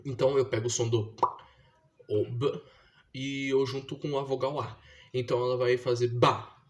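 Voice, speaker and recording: A man's voice: mid-range voice, level tone, normal speed. A young man from Brazil, talking casually and explaining step by step, with slangy fillers. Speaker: vlogger teaching his younger sister to read. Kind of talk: casual slangy monologue to camera.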